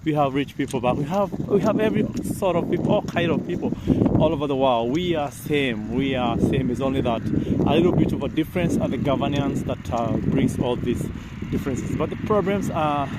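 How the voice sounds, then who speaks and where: A Kenyan man with a medium-pitched voice vlogs casually while riding a bicycle along village paths. He speaks haltingly and repeats phrases as loud outdoor ambience fills the background.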